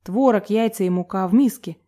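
A calm young woman with a dry wit, speaking evenly and coolly , played by a woman reading an audiobook. Her voice is mellow and warm. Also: medium pitch, a little fast, natural voice.

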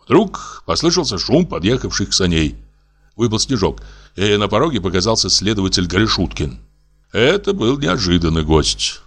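A man narrating a classic story as an audiobook, with expressive, varied intonation. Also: on the low side, moderate pace, husky.

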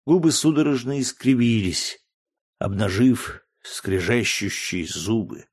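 A man narrating a historical novel in a steady, measured reading. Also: medium pitch, breathy edge. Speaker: audiobook narrator. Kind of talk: scripted narration.

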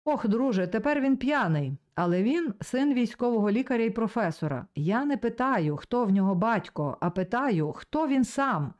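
A woman's voice: fairly high pitch, animated, moderate pace, hardly any pauses, darkish tone, muffled recording, close to an everyday voice. A woman doing an earnest reproachful young man.

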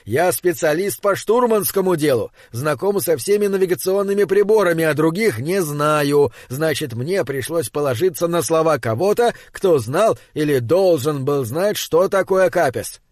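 A man's voice: fairly high pitch, lively intonation, normal speed, hardly any pauses, no echo, studio quality, lightly acted. A man reading a bossy, impatient spaceship captain. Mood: probing. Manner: impatient, shouting when pressed. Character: exasperated male spaceship captain, shrewd and bossy.

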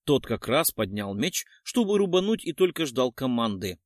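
A man's voice: medium pitch, very animated, moderate pace, dry recording. A man narrating an audiobook in first person, wry and matter-of-fact, with slangy asides, on a close mic.

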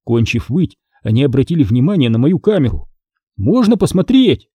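A man reads a first-person story aloud in an expressive, dramatic way. His voice is dark and husky, and it moves a lot in pitch. The recording is close and dry. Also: a little fast, no room sound. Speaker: audiobook narrator.

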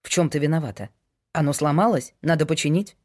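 A young fiancé in an audiobook, eager at heart and quickly thrown into confusion, as a woman narrator reads him. The voice sits a bit low and stays close to plain speech. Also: darkish tone. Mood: bewildered. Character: young man, eager then anxious fiancé.

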